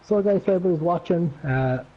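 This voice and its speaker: A man's voice: high-pitched, fast, a little hiss or hum. Chatty man in his forties, lo-fi sound. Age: 40s. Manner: rambling, chatty, teasing, with many "uh" fillers. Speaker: gaming channel host. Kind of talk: casual chat while playing a farming game. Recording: dull lo-fi sound.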